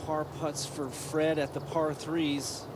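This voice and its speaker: A man's voice: fairly high pitch, little pitch movement, slow pace. A man giving live golf commentary in clipped, descriptive phrases, with outdoor noise around him. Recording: clear outdoor ambient noise.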